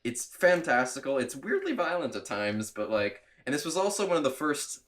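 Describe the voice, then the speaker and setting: A man's voice: on the high side, big pitch swings, moderate pace, a bit bright. A young man co-hosting a casual movie podcast, talking with rambling enthusiasm and laughing often. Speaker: podcast co-host.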